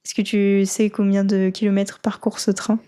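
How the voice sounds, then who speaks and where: A woman hosting a casual interview and running a quiz, self-deprecating and relaxed in manner. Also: medium pitch, moderate pace, smooth. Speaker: host.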